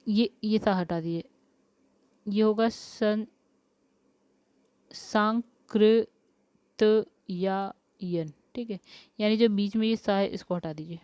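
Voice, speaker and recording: A woman's voice: medium pitch, normal speed, dark tone, no room sound. A woman teacher working through spelling questions step by step, asking each question and then answering it. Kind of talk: spelling lesson for exam prep.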